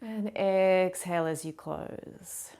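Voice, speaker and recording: A woman yoga teacher leading a guided class, cueing breath and movement in a gentle, encouraging, unhurried way. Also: on the low side.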